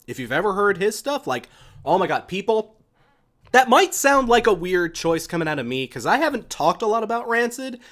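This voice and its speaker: A man's voice: sits high, sing-song, moderate pace, fairly bright tone. A young man chatting casually on a live stream, answering viewers' questions and rambling enthusiastically about music, often restarting his sentences. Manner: rambling, with many restarts and fillers.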